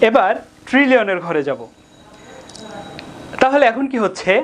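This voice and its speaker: A woman teaching a tutorial lesson, with a Bangladeshi accent, explaining slowly and deliberately with repeated examples. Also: fairly high pitch, lively intonation, a little hiss or hum. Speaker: English tutor.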